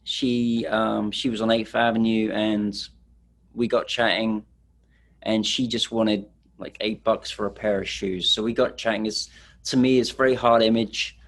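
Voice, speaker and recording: In a fairly low, level voice, a little slow, a middle-aged English street photographer shares stories casually. He rambles and leans on fillers as he presents.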